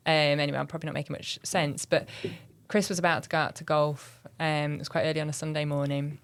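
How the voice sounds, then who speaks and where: A low-pitched woman in her thirties hosts a podcast interview and shares a memory of her own. She talks reflectively, pausing and restarting as her thoughts come together. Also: little pitch movement. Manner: reflective, halting with fillers and restarts. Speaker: podcast host. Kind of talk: conversational interview.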